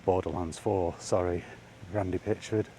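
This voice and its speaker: Walking outdoors under trees, a man vlogs in a casual, rambling style full of wry grumbling. His voice sits low and warm, with a steady tone and moderate pace. Faint ambient noise from outside runs underneath.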